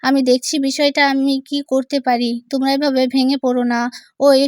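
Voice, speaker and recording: A woman's voice: high-pitched, flat delivery, a little fast, darkish tone, no room sound, clean studio sound, natural voice. A woman reading out the lines of a defiant young daughter-in-law in a firm, indignant tone.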